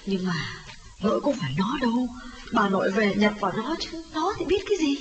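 A man voicing a distraught young mother, in a strained high falsetto that turns to wailing. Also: expressive, moderate pace, crowd noise. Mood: pleading. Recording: roomy reverb, faint music, slightly dull.

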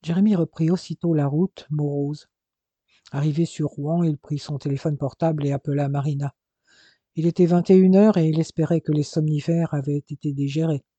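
A man narrating a novel aloud in a steady, dramatic reading. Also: on the high side, normal speed, no echo, muffled recording.

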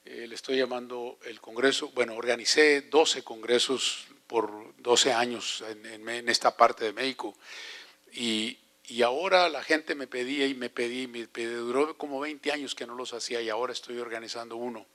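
With animated storytelling and questions aimed at the congregation, an older man preaches as an evangelist. He speaks at a moderate pace in a mid-range voice.

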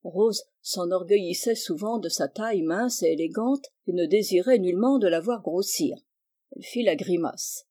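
A woman reading a classic children's novel aloud in a calm, even storytelling manner. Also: lowish voice, normal speed. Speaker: audiobook reader. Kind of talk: storybook narration.

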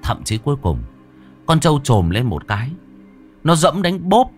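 Lively male horror storyteller. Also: fairly high pitch, moderate pace, husky. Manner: vivid, expressive storytelling. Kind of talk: dramatic horror story narration. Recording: narration over faint music.

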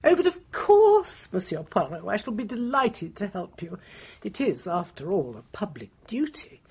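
A woman's voice: medium pitch, sing-song, moderate pace, a little mellow, breathy edge, full character voice. An actress playing an imperious, self-important English lady with an upper-class accent, haughty and opinionated in a radio drama. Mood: haughty certainty.

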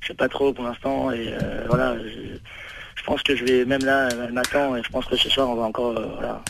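Fast, gravelly young man on phone. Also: medium pitch, little pitch movement, noisy background. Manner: casual, hesitant, lots of fillers. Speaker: prank caller. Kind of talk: staged phone breakup.

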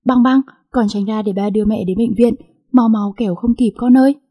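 A woman voicing a gentle, hardworking poor father who speaks tenderly and reassuringly to his daughter in a storybook reading. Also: on the high side, fairly even intonation, fairly quick, husky.

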